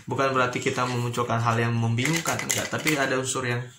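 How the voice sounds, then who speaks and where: Speaking quickly at a medium pitch with little variation, a man who lectures at a university chats his way through a teaching vlog. His explanations are loose and full of fillers, captured in a room with echo and noise.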